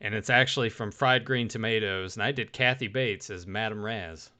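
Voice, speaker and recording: Bright, crisp-voiced man joking around. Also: lowish voice, normal speed. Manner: loose and jokey, swears freely. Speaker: podcast co-host. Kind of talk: casual chat.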